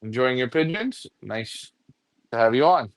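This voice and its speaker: Telling stories in a rambling way on a pigeon racing show he co-hosts, this man speaks expressively and a little slowly in a mid-range voice, doing voices for quoted lines. The casual chat comes through as a dry, low-quality recording.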